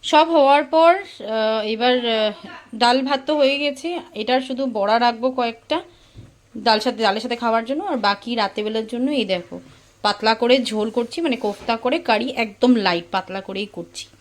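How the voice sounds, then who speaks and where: A woman's voice: fairly high pitch, normal speed, low-quality recording. A young woman from India chatting to her viewers while cooking in her home kitchen for a casual vlog. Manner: chatty, talks straight to viewers. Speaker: vlogger.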